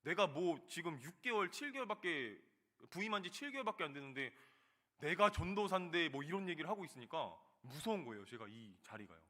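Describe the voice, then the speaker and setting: A man in his thirties preaching a sermon, telling a personal story with loud emphatic bursts and soft quiet asides. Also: on the high side, big pitch swings, fairly quick. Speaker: junior pastor. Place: church sanctuary.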